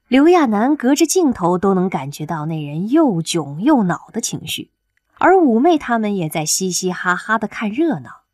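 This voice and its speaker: A woman narrating an audiobook in an expressive storytelling way. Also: medium pitch, no room sound, studio quality.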